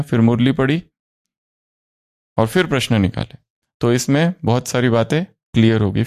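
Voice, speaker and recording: Gravelly-voiced man teaching a class. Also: mid-range voice, darkish tone. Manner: quizzes the class with questions and repeats answers. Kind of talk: spiritual study class.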